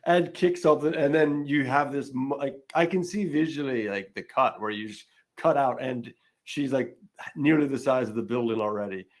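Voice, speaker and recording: Rambling man brainstorming story ideas. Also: moderate pace. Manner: rambling, acts out quoted lines in higher voice. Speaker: podcast host. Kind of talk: casual brainstorming chat.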